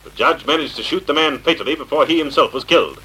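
An actor playing an unseen, menacing crime-fighter, accusing and commanding in a theatrical old radio drama style, through a filtered voice. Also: male voice, a little high, fast, pushed and bright, husky, full character voice, rough recording. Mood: accusing, stern. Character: unseen avenging crime-fighter, menacing, mocking invisible man. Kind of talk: vintage radio drama acting.

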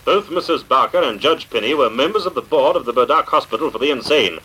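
Menacing unseen crime fighter, old radio drama, filtered voice, big dramatic swoops, accusing. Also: male voice, mid-range voice, animated, fast, sharp tone, husky, poor audio. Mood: accusing, stern. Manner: accusing, commanding, theatrical. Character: unseen avenging crime-fighter, menacing, mocking invisible man. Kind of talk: vintage radio drama acting.

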